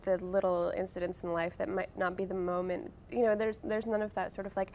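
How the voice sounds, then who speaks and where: This late-twenties author and blogger speaks as a relaxed interview guest, chatty, wry and quick to poke fun at herself. Her medium voice is brisk and level-toned, a touch mellow, with slight noise in the background.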